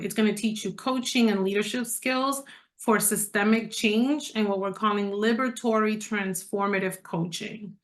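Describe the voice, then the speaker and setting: A middle-aged woman from the Dominican Republic, a leadership coach presenting a training program over a video call in a conversational, persuasive way. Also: mid-range voice. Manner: conversational and persuasive, addressing listeners directly. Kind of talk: online presentation to a group.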